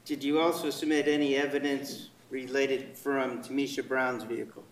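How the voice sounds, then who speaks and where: A male attorney questions a witness in a formal, methodical way, step by step. His mid-pitched voice sounds far from the microphone in a very echoey courtroom. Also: little pitch movement, normal speed. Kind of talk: courtroom direct examination. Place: indoor courtroom.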